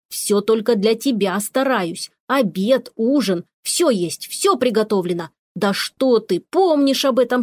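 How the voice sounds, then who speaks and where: A woman's voice: on the high side, dry recording. A woman voicing a grumpy male house spirit who scolds and grumbles, in a storybook reading.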